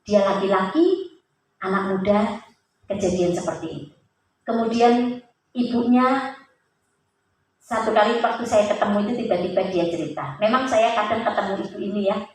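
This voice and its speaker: A woman's voice: mid-range voice, normal speed, long pauses, distant mic. Woman preaching in an echoey hall. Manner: earnest storytelling with questions put to the listeners. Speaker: church speaker giving a testimony. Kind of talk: sermon testimony to a congregation. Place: church hall. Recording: very echoey hall, voice off-mic, faint hiss.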